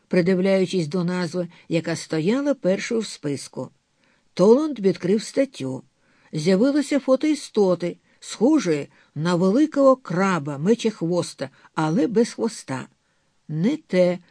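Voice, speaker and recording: A man's voice: high-pitched, darkish tone, no room sound, clean studio sound. A man narrating an audiobook of a novel and reading the characters' lines himself.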